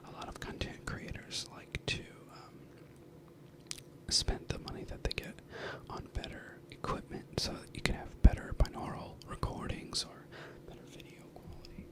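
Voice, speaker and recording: A man in his thirties whispers a casual, rambling ASMR talk close to the listener's ear. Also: moderate pace. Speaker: ASMR video creator. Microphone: close binaural mic, ear to ear.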